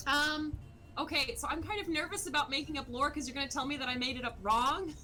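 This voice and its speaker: A woman's voice: sits high, pushed and bright, rough recording. A woman narrating as game master of a tabletop game, rambling and hesitant, with many fillers.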